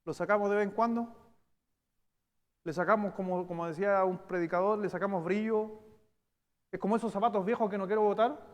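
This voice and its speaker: A man with a Chilean Spanish accent preaching a sermon as pastor. He swings between loud emphatic bursts and slow, quiet stresses. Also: high voice, fairly even intonation. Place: church hall. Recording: long church-hall reverb.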